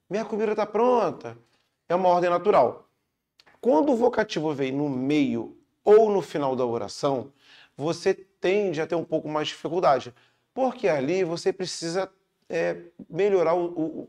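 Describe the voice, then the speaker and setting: This Brazilian Portuguese–accented man has a slightly high voice with a darkish tone. Leading a casual grammar class online, he keeps things upbeat and talkative, pausing after each point to see how his students are doing.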